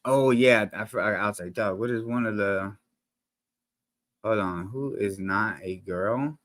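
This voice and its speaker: On a casual reaction video, a man rambles to viewers using slang, with frequent fillers and restarts. His fairly bright voice sits on the low side at a measured pace, with no room sound. The desk microphone he uses sometimes peaks.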